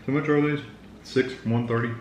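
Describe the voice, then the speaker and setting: A man's voice: medium pitch, fairly even intonation, a little fast. A man with a mid-range voice gives his impressions in a casual taste test. He talks like a food reviewer in conversation. The sound is roomy, with some background noise.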